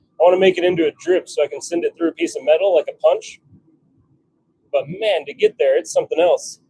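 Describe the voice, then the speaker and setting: Mellow with a breathy edge, this man's slightly high voice moves a little fast through a low-quality recording. As a hobby blacksmith hosting a livestream from his home forge, he chats informally while working, directing his words partly at viewers and partly at himself.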